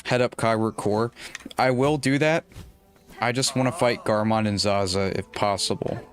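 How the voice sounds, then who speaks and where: Low-voiced young man casually commenting on gameplay. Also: normal speed. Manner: relaxed, muttering to himself and viewers while playing. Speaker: gameplay streamer. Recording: faint game music behind. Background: faint game music.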